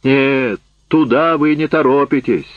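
A man voicing a bitter, worn-out man back from a camp, speaking loud and heated, in a dull, dry recording. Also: mid-range voice, expressive, normal speed, husky, no room sound. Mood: accusing.

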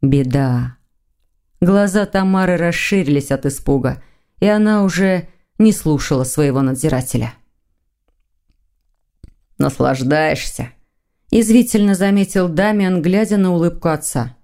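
A woman narrating an audiobook with an even, expressive reading. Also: lowish voice, normal speed. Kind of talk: scripted narration.

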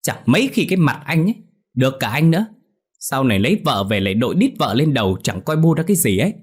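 A man voicing a hot-tempered older market woman who scolds her drunk husband in a shrill, cursing voice. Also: very animated, fast talker, slightly rough. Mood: nagging.

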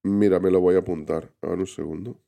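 A man's voice: steady tone, fairly quick, creaky, mellow. A man hosting a casual live stream, unwell, rambling and greeting viewers by name. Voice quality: deep voice. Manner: rambling, reads viewer names aloud, many restarts. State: unwell, recovering from illness. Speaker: livestream host reading chat.

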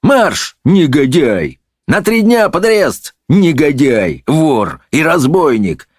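A man's voice: medium pitch, sing-song, dry recording, clean studio sound, voice pushed up. A man voicing a roaring, pompous old-fashioned judge. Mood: bullying. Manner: roaring, bullying, drawn-out shouts. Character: blustering pompous male judge.

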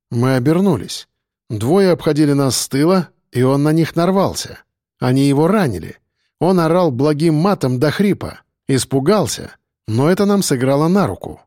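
A man narrating an audiobook in the first person in a steady, tense storytelling manner. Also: fairly high pitch, no echo, clean studio sound.

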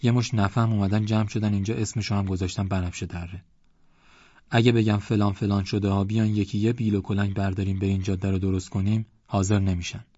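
A man voicing a loud, boastful village man who mocks and rants. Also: on the low side, no room sound, natural voice. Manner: mocking, blustering, rambling complaints. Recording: dull lo-fi audiobook recording.

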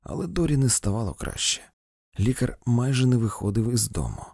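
Man reading an audiobook, dark husky voice. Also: medium pitch, brisk, no room sound, clean studio sound. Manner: expressive storytelling. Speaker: narrator.

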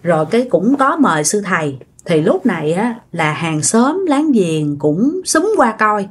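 A woman's voice: medium pitch, sing-song, unhurried, husky. A woman, a channel host telling ghost stories in a chatty, casual way, addressing her listeners directly. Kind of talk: casual spoken storytelling.

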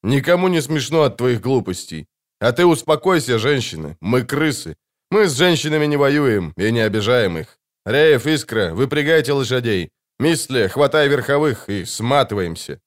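A man's voice: mid-range voice, big pitch swings, moderate pace, close to an everyday voice. A man playing a curt young bandit leader. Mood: commanding. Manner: curt, commanding.

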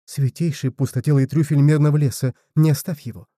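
A man voicing Hortensia, an anxious, excitable woman of a small folk who frets in breathless exclamations. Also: on the high side, brisk, dry recording, studio quality, lightly acted.

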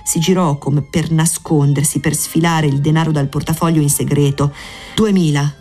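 A reader narrating a literary story aloud at a measured, even pace. The voice sits at a middling pitch, with faint music playing softly underneath.

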